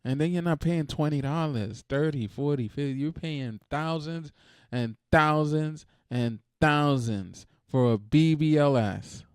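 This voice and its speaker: A man's voice: on the high side, measured pace, clean tone, no echo, studio quality. A man hosting a reaction video, talking in a blunt, profane, exasperated casual rant.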